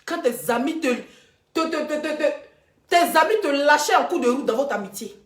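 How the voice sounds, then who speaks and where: An Ivorian woman speaks insistently on a live stream, addressing her viewers directly and hammering the same points again and again. Her voice sits on the higher side, and her Ivorian French accent comes through clearly. The room gives her words a noticeable echo. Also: normal speed. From Ivory Coast. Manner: insistent, repeats herself, talks straight to viewers. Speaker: social media personality.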